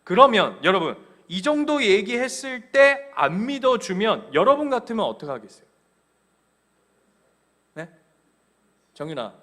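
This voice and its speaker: A male pastor preaches in a church, his voice sitting high for a man. He is animated and keeps asking the congregation questions. He also slips into the voices of the people he quotes. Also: measured pace, pauses often. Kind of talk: sermon. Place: church sanctuary.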